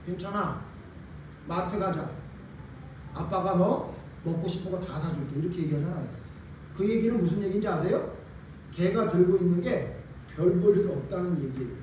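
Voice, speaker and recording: A man's voice: high voice, moderate pace, pauses often, a little hiss or hum. Male pastor preaching, acts out the voices, keeps asking the crowd questions, big echo. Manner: animated storytelling, acting out quoted voices; asks the congregation questions. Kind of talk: sermon. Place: church sanctuary. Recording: echoey hall, voice from far off.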